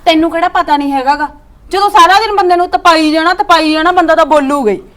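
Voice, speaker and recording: An actress playing a resentful, sharp-tongued young wife who nags and mutters bitterly, with a Malwa Punjabi accent, in a Punjabi short drama. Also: female voice, very high voice, fast talker. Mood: scornful. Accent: Punjabi, Malwa region. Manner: nagging, bitter complaints, scornful asides muttered to herself.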